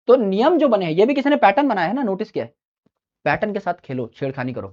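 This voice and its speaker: A man's voice: high-pitched, lively intonation, fast. A male teacher speaking informally, emphatic and chatty, circling back to hammer home his main points. He calls his listeners brother as he talks. The recording is muffled and lo-fi. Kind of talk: informal study-advice lecture.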